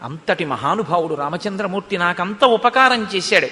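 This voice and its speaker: High, bright-voiced man giving a religious discourse. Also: moderate pace, big-room sound. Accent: Telugu. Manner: storytelling, animated, asks listeners rhetorical questions. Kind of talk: Telugu Ramayana discourse.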